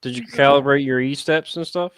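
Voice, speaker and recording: A man's voice: medium pitch, fairly even intonation, brisk, a bit bright. A man talking informally as a guest on a livestream, in an easy conversational style. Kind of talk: casual livestream chat.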